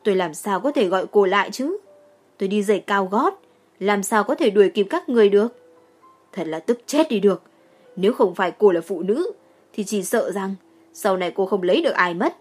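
A woman voicing a furious mother in her thirties who scolds loudly and shrilly, in an audiobook. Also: fairly high pitch, expressive, normal speed, few pauses, breathy edge, faint music behind.

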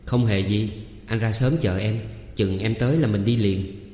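A man voicing a gentle, reassuring young man. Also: fairly low pitch, moderate pace, lightly acted. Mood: tender. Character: young man, earnest and devoted lover. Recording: roomy with long reverb.

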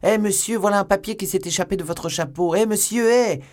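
A man voicing an eager young stable boy in an audiobook, calling out loudly in a high voice. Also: brisk, lightly acted. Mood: shouting.

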